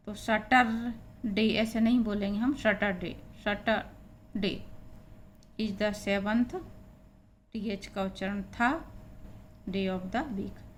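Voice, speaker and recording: Woman teacher, talks real slow, spells stuff out, faint hum behind. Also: on the high side. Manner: spells out letters and repeats words slowly. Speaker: English teacher. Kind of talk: slow, patient spoken lesson.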